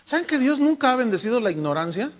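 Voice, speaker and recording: A Mexican pastor with a notably high voice for a man delivers a spirited sermon, tossing rhetorical questions at his listeners. His words ring out with a long, trailing reverb from a large hall. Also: fast talker. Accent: Mexican Spanish. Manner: lively preaching, rhetorical questions to the congregation.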